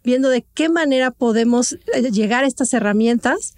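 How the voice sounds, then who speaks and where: Earnest woman, slightly high voice. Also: moderate pace, a little mellow, no echo, studio quality. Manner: conversational, filler-heavy, earnest. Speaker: guest, marketing director. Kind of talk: interview answers.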